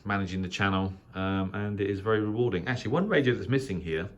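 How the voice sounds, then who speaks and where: A middle-aged Englishman with a lowish voice talks quickly through a casual, unscripted tour of his small spare-bedroom radio shack, hesitating and rambling as he goes. He's a shortwave radio hobbyist who hosts a channel. The indoor recording is muffled and clearly noisy.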